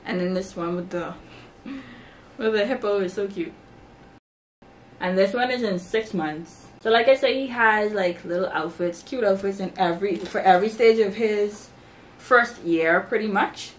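In a rough recording with a little hiss or hum, a young adult woman from the Bahamas chats at medium pitch and normal speed. Sitting indoors in her bedroom, this lively vlogger gestures with her hands as she presents baby shower gifts in a casual haul.

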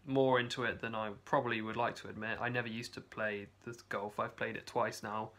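Fairly quick and fairly bright, this young man's lowish voice barely moves in pitch. He's a vlogger keeping a casual video diary in his home basement, talking to a phone camera held close and rambling with many fillers and restarts.

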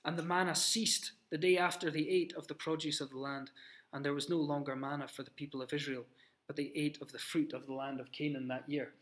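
A man in his thirties preaching an earnest, emphatic sermon into a webcam in a small plain room, with pauses and restarts. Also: fairly high pitch, level tone, a bit bright.

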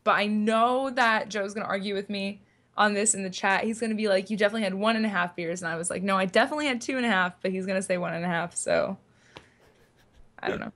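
A woman's voice: medium pitch, fast, a bit bright. A woman guest streamer chatting casually and laughing at herself during a board game session. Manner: giggly, self-mocking. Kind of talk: casual chat while playing a board game.

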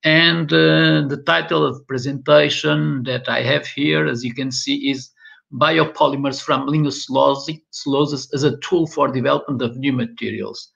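Over a webcam on a video call, the lo-fi audio carries an older northern Portuguese professor lecturing in English with a Portuguese accent. He hesitates and repeats words a lot, speaking at a measured pace in a medium-pitched, fairly bright voice with vocal fry and fairly even intonation.

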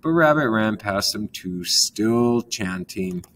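A man reading a children's story aloud in a calm manner, gently explaining words along the way. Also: fairly low pitch, slow, a little hiss or hum.

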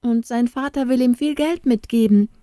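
A woman voicing a tearful young farm girl, high and pleading. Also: moderate pace, warm tone, dry recording, studio quality, natural voice. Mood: upset. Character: young farmer's daughter, frightened and pleading.

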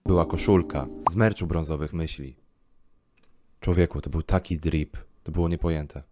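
A man's voice: a bass voice, fairly even intonation, moderate pace. A young man giving wry, ironic scripted narration in a video. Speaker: YouTuber in reacted video. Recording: played back under background music.

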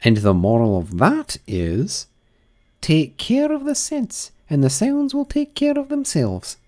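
A man putting on the Duchess, a shrill old gossip. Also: huge pitch swings, mellow, heavily acted. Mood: gushing, moralizing. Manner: high, sing-song and drawn-out. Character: ugly old noblewoman, chummy and moralizing.

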